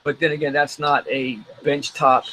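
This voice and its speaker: A man teaching an online science class with live demonstrations, telling stories in an animated way and acting out little scenes. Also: a little high, a little hiss or hum, rough recording. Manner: animated storytelling, acts out scenes in quick asides.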